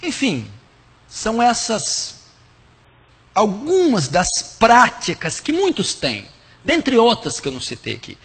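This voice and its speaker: A man's voice: sits high, wildly swooping pitch, slow, a bit bright, breathy edge, in a large hall. A male pastor giving a frank, direct teaching sermon, listing points one by one. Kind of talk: teaching sermon answering a question.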